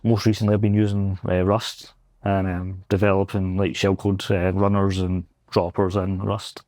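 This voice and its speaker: Deep and a little mellow, the young Scottish man's voice stays flat at a moderate pace, recorded cleanly in a studio with no echo. He's a Glaswegian pentest engineer being interviewed on a convention floor, chatting casually, rambling, laughing often and putting himself down.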